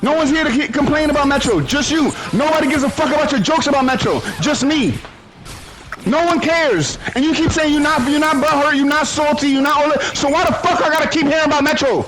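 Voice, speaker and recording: Man, very high voice, heated voice-chat argument, angry, profane, repetitive. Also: fast, poor audio. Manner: angry, profane, repeats himself. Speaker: voice chat participant.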